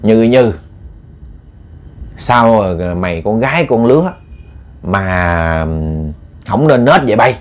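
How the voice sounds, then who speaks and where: A man's voice: lowish voice, lively intonation, slow, pauses often. A man voicing a scolding sick old mother. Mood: stern. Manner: blunt scolding, rambling.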